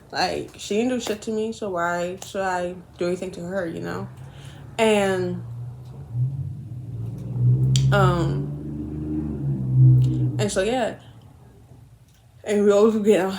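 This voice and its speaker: A young woman telling a storytime to her camera in a loose, rambling way. She piles on fillers like "like" and "um", acts out both sides of old arguments, and swears without a second thought. Her voice sits at an ordinary middle pitch for a woman. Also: steady tone, a little slow, long pauses, background noise. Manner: rambling, frequent fillers and quoted dialogue; blunt, swears casually. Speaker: vlogger. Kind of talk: casual storytime while doing makeup.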